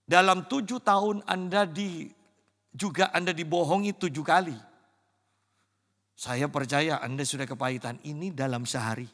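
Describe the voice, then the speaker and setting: A man preaching a sermon as pastor, dropping to hushed, slow stresses and rising to loud, high exclamations. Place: church sanctuary. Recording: reverberant church hall.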